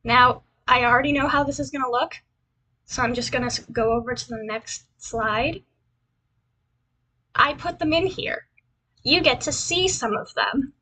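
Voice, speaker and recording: A young woman streams as a cute anime-style VTuber, introducing herself in casual chat over a slideshow, rambling and repeating phrases with self-deprecating humor. Her high, pushed, bright voice moves at a moderate pace with frequent pauses. The audio is poor, with slight background noise.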